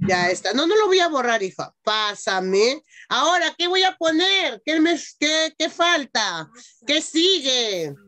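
High bright-voiced teacher, slow and patient. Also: female voice, very animated. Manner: patient, sounds out words syllable by syllable. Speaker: primary school teacher. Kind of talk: online class dictation. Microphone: video call.

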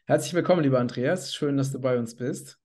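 A man's voice: medium pitch, a little fast, darkish tone. A man hosting an interview, asking friendly questions and affirming with frequent mhm's. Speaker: podcast host.

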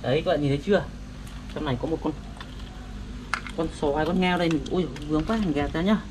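A man's voice: a little high, fast, background noise. A man with a northern Vietnamese accent vlogging casually outdoors, talking simply and repetitively as if to a toddler. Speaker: vlogger for young children. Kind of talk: casual child-directed show-and-tell. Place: outdoors beside a garden fish pond.

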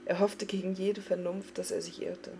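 A woman giving an expressive, dramatic reading of a fantasy novel. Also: on the low side, normal speed, creaky, background noise. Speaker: audiobook reader.

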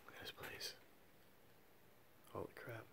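A man exploring an abandoned mill, keeping his voice down to short hushed remarks recorded on the camera's own mic. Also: a little slow. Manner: hushed, half-whispered remarks while exploring. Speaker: urban explorer host. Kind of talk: quiet walking commentary. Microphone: handheld camera without its mic. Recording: quiet camera audio with background noise.

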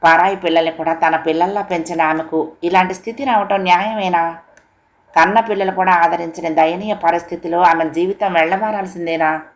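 A woman's voice: on the low side, fairly even intonation, brisk. Woman narrating a family story.

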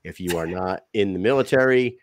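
A young podcast host from the Boston area speaks in a low, brisk voice. He brashly reads sponsor plugs and hypes up his guest in casual talk, using a studio mic on an arm and headphones.

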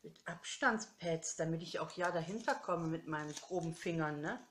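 Woman, craft vlogger, chatty, gushing, laughs a lot, slightly low voice. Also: normal speed, background noise. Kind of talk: casual chat unboxing a craft swap.

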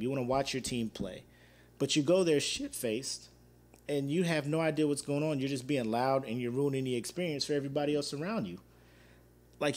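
Animated man telling a story in slang. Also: medium pitch. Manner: waves at viewers watching live. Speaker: podcast host. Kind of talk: casual solo chat.

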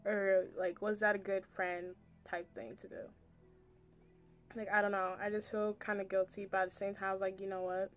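This makeup vlogger, a young adult woman, has a medium-pitched, level voice and speaks at a moderate pace. Doing her makeup in a small indoor room with music on, she rambles through a chatty, slangy story full of "like."

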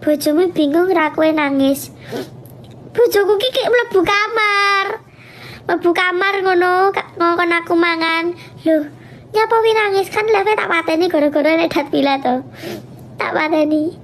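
A young woman with a Javanese accent, chatting casually on a livestream and telling a story with animated laughs. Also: extremely high pitch, unhurried, slight background noise. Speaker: livestream host.

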